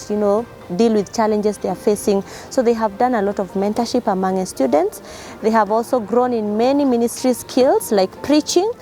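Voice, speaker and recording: A woman giving a spoken testimonial in a halting, measured way. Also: mid-range voice, dark tone. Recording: faint music behind the voice.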